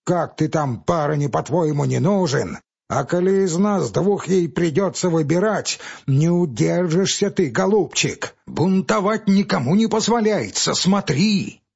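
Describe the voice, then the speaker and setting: A man voicing a fat, spiteful older male estate clerk who sneers and threatens, on a husky, lo-fi audiobook recording. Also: on the high side, animated, unhurried, hardly any pauses, pitched above the performer's own voice, full character voice. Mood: threatening.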